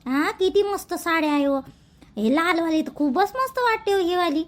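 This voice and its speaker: A woman playing an excitable married woman who gossips and exclaims, in a Vidarbha Marathi dialect. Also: very high voice, moderate pace. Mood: delighted.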